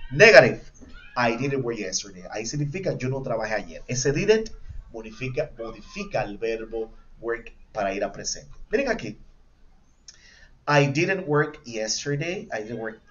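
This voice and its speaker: Spanish-speaking male English teacher, lo-fi. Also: mid-range voice. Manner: switches between Spanish and English, repeats each example slowly; quizzes himself aloud with pupils' questions. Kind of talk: online class explaining grammar. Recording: dull lo-fi sound.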